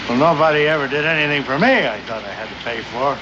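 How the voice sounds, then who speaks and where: A man's voice: mid-range voice, fast, close to an everyday voice. An actor playing a scheming, self-interested frontier father in a 1960s TV western, wordy, mock-formal and argumentative. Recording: muffled, noisy old TV soundtrack.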